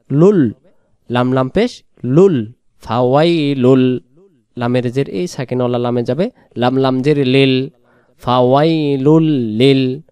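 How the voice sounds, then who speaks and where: A man teaching Quran recitation in a patient, step-by-step lesson. He spells out the letters one at a time, then draws the words out long and slow. His voice is smooth and clear, mid-pitched, and sounds close and dry. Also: darkish tone, dry recording.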